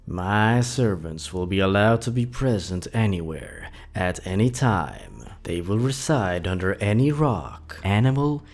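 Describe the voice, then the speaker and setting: A man voicing a solemn, menacing god of death with slow, ominous, deliberate speech. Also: low voice, darkish tone, heavily acted.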